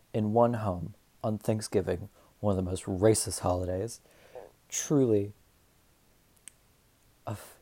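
A young man talking alone into the mic for his podcast, rambling from one thought to the next with plenty of swearing. His voice sits low and sounds dark and mellow, and his delivery is loose, unscripted and self-mocking. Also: vocal fry. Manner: rambling, profane, self-deprecating. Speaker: podcast host. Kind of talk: casual solo monologue.

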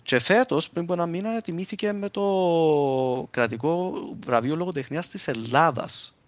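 A linguist from Cyprus explains things informally in a clear Cypriot Greek accent, switching between dialect words and more formal terms as he offers examples. His voice is on the high side. The recording is dry, with almost no room sound and no echo.

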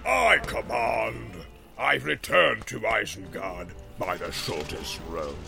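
A man voicing a deep-growling, pompous orc captain who speaks slowly and commandingly. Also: lively intonation, vocal fry, over loud music, heavily acted.

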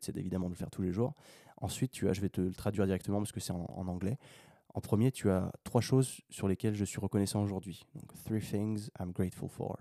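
Low, dark-voiced man podcasting casually. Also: no echo, clean studio sound. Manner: unscripted, rambling, addresses listener as a buddy, swears casually; animated rises when making a point. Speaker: podcast host. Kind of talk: casual solo podcast monologue.

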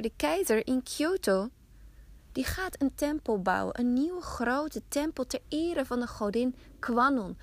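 An eager old village elder, as a woman storyteller puts him on, pushing his case with insistent, emphatic urging. The voice sits high and lifts louder on each plea, with a gravelly edge underneath. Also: full character voice.

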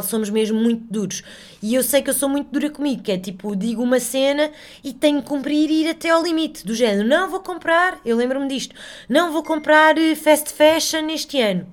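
A woman with a European Portuguese accent talks on her own in a loose podcast monologue. Her voice sits a little high, and she rambles, swears casually and laughs at her own habits. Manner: rambling, chatty, swears freely, self-mocking. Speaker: podcast host.

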